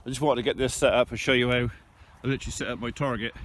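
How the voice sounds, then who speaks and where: A man's voice: medium pitch, fairly even intonation, rapid-fire. Man filming a noisy outdoor phone video. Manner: plain-spoken, informal, thinking aloud. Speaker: farmer and video host. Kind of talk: casual phone video vlog, explaining as he goes. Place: outdoors on farmland. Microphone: handheld phone.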